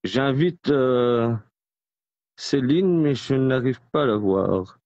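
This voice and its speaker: A man's voice: medium pitch, lively intonation, takes it slowly, darkish tone, dry recording. Casting note: male live-stream host, apologetic and fumbling, dry, muffled audio. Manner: flustered, apologetic. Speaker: host of an online group live.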